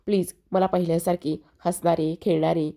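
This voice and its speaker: Woman voicing a cold, hurt older sister, low and gravelly. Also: little pitch movement, normal speed, dark tone, close to an everyday voice. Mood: bitter. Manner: cold, bitter.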